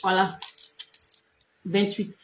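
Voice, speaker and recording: A woman's voice: medium pitch, flat delivery, extremely slow, echoey room, noisy background. A woman giving casual, insistent skincare and diet advice on a live stream, repeating herself and talking straight to her viewers. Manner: repetitive, direct, addresses viewers as tu and vous.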